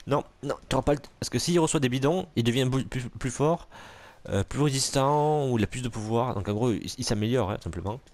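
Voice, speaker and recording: A man's voice: mid-range voice, brisk, darkish tone. A man casually commentating a superhero video game, joking, swearing and talking back to enemies on screen. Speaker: gamer commentating gameplay. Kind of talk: let's play commentary.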